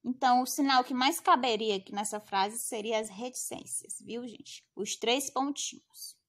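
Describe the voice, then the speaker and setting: A woman's voice: fairly high pitch, normal speed. A Brazilian woman teacher patiently explaining a grammar lesson step by step, often checking in with her students. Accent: Brazilian Portuguese. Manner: patient, explaining step by step with frequent tag questions.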